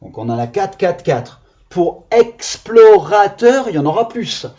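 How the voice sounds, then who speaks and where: Male primary teacher, lively pitch, slow patient delivery, dull lo-fi sound. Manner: slow, patient, spells out syllables. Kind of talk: remote lesson for young children.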